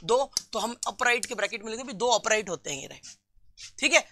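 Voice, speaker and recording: A man teaching a live online class for nursing exam students. He reads out viewers' answers, calls them friends and repeats key terms slowly. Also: high voice, expressive, pushed and bright, no room sound.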